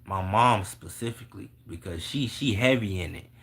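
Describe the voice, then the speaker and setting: Bright-voiced, blunt, cursing young man. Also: lowish voice, moderate pace. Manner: profane, blunt, laughs often. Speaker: vlogger answering viewer questions. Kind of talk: casual spiritual monologue.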